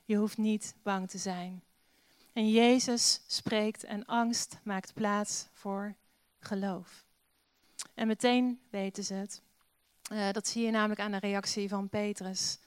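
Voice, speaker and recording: A woman's voice: medium pitch, level tone, slow pace, clean tone, no echo. A woman preaching a sermon and reading Bible passages aloud, in a conversational way with many filler sounds and rhetorical questions.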